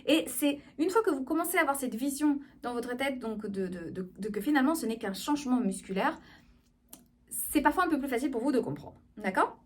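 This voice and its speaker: A woman speech therapist giving an explanatory video lesson on voice, lively and often checking in with her listeners. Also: sits high, brisk, a little hiss or hum.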